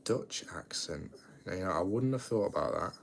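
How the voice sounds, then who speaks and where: A twenty-year-old man with a British accent, hosting a chatty, low-key late-night livestream and rambling with frequent restarts. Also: lively intonation, moderate pace, gravelly, slight background noise. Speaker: livestream host.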